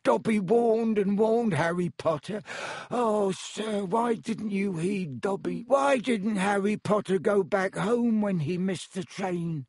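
A man's voice: high-pitched, slow pace, a little mellow, slightly rough, dry recording, studio quality, pitched above the performer's own voice, full character voice. A man voicing a small, miserable, servile house elf in an audiobook, pleading and deferential, speaking of himself in the third person. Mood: miserable, reproachful. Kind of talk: audiobook character voice.

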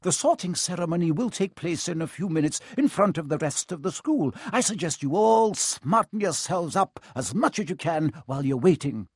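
A man voicing a stern older female professor of a magic school who gives brisk, sharp commands. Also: on the high side, lively intonation, slightly rough, no room sound, studio quality, voice pushed up.

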